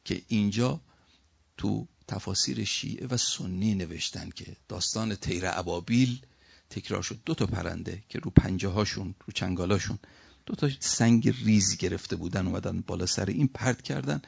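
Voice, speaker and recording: A man preaching a sermon, telling stories with emphatic peaks and slowly reciting Arabic verses. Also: low-pitched, creaky, darkish tone, slightly rough. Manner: storytelling, rising to emphatic peaks. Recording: dull lo-fi recording.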